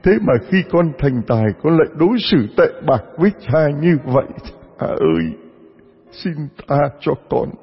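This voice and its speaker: A man's voice: fairly high pitch, lively intonation, moderate pace, husky, in a large hall, muffled recording, voice pushed up. A man voicing a grown son who tearfully begs his blind father's forgiveness in a told folk tale. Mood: pleading. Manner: tearful pleading. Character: remorseful grown son, a magistrate.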